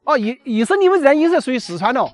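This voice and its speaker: A man's voice: very high voice, animated, racing. A male vlogger chatting casually in Sichuan dialect, asking simple, curious questions as an interviewer. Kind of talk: casual chat.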